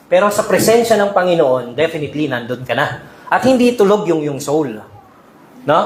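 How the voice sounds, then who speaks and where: In an echoey church hall with faint ambience and a bit of background noise, a pastor with a slightly high voice preaches in Tagalog peppered with English. He keeps it conversational, frequently checking in with his congregation.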